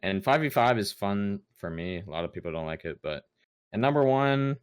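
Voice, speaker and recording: A man's voice: on the low side, lively intonation, moderate pace, clean tone, dry recording, clean studio sound. A young man in casual chat on a gaming podcast, rambling with lots of fillers and restarts. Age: young adult. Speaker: podcast co-host.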